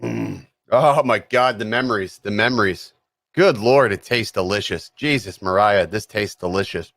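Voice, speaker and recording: Playful low-voiced man hosting a stream. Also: normal speed, dry recording, clean studio sound. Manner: playful, rambling, exclaims loudly. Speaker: streamer host. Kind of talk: casual livestream chat. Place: home stream setup in Florida.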